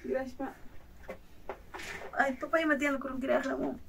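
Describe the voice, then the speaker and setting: A woman playing a concerned, gentle grown daughter in Peruvian Spanish, in a comedy sketch. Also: sits high, steady tone, normal speed, vocal fry, background noise.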